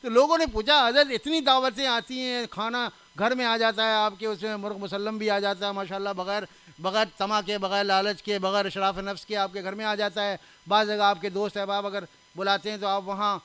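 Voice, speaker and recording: A man's voice: sits high, steady tone, bright, forceful tone, clean tone. An older man gives a conversational sermon, full of anecdotes and pointed corrections of pronunciation. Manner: laughs at his own anecdotes. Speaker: religious scholar giving a reform talk.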